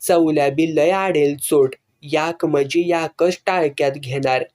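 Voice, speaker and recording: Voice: medium pitch, a little mellow. A narrator reading a serialized novel aloud in a rural storytelling manner. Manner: slow, storytelling in rural dialect.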